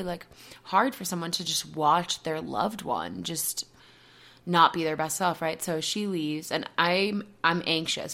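A woman's voice: low voice, creaky, fairly bright tone. A woman podcast host speaking openly and reflectively in a personal monologue, full of casual "like" fillers. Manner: open, reflective, many "like" fillers.

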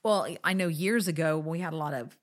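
This is a middle-aged woman with a notably deep voice for a woman. She co-hosts in a casual, reflective style, often slipping in little conversational asides. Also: a little fast. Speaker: co-host of a marriage show.

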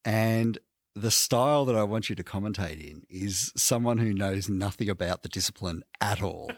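An Australian man co-hosting a casual comedy podcast, pitching ideas in an animated way and laughing often. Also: moderate pace, no echo. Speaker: podcast co-host.

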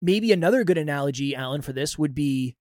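Higher-voiced man, motivational podcast host. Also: lively intonation, fast talker, a little mellow, no echo, clean studio sound. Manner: life-coach delivery, earnest and explanatory with analogies. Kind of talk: motivational self-improvement podcast talk.

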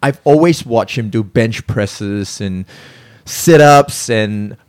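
A man in his thirties from Singapore, a personal trainer, is a guest in casual interview talk in a hotel room. His voice is fairly low and darkish and he takes things slowly, rambling, correcting himself and laughing now and then, on a dry recording.

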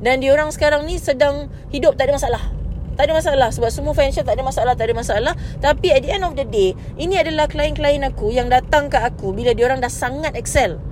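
A woman's voice: sits high, fast, a little mellow, a little hiss or hum. A Malaysian woman in her thirties hosting a podcast, speaking in a heated monologue that mixes Malay and English and calls the listener babe. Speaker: podcast host.

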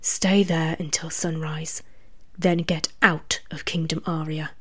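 A ruthless female rabbit demon commander, played by a woman reading a story, with a cold, clipped delivery. Her threats sink into a low, menacing hush. She sounds like a storybook villain. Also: moderate pace, smooth, lightly acted. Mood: whispered threat.

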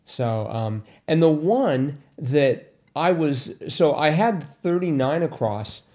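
Brief: mellow-voiced male co-host, hesitant, self-correcting, casual puzzle chat. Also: on the high side, expressive, takes it slowly. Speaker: podcast co-host.

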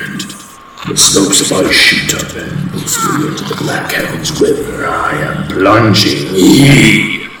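An actor playing a proud mystic climber descending into terror, declaiming in drawn-out theatrical cries for a gothic horror radio drama. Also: male voice, on the low side, vocal fry, noisy background, heavily acted. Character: Barzai the Wise, proud mystic climber turning terrified, crying out. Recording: cavernous echo, distant voice, music behind.

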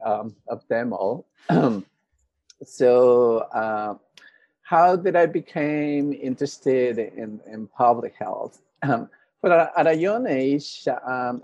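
A middle-aged man from Honduras, telling his story as a panel guest in a casual interview, pausing often with fillers and clearing his throat. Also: mid-range voice, darkish tone, no room sound.

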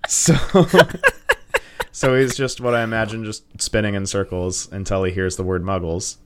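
A man's voice: fairly low pitch, a little slow, heavy background noise. A man co-hosting a podcast, recapping a book chapter in a loose, profane way and laughing often at his own jokes. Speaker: podcast co-host. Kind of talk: casual irreverent recap chat.

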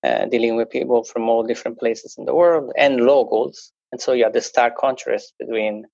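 Speaking English as a second language, this male podcast guest has a mid-range, gravelly, darkish voice and talks at normal speed. His conversational interview answers keep restarting and are padded with fillers. The sound is dull, dry, and lo-fi, with no room sound.

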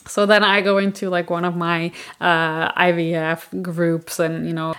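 A woman's voice: lowish voice, level tone, unhurried, fairly bright tone, clear, resonant tone. A woman from Ireland hosting a podcast, telling a personal story in a candid, chatty way with plenty of fillers. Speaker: podcast host.

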